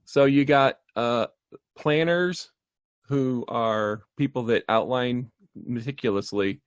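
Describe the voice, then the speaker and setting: A man co-hosting a casual interview, chatty and quick with affirmations. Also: medium pitch, clear, resonant tone, no echo. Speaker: talk show co-host.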